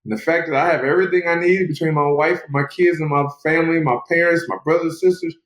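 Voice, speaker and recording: A man talks fast and earnestly, pushing a motivational message in a casual interview. His voice sits a little high. The room around him rings with echo. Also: steady tone. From United States. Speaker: guest, mixed martial artist.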